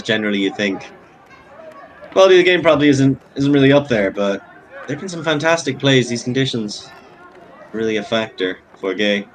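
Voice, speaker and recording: A man's voice: lowish voice, fairly bright tone, low-quality recording. A man giving live play-by-play commentary, chatty and analytical, with self-deprecating asides. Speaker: sports commentator.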